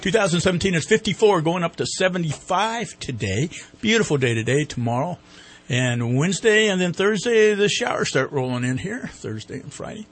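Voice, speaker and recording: A man's voice: high-pitched, animated, a little fast. A man hosting a radio show, chatting casually and reading sponsor mentions in an off-the-cuff way. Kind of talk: casual radio chat with live sponsor reads.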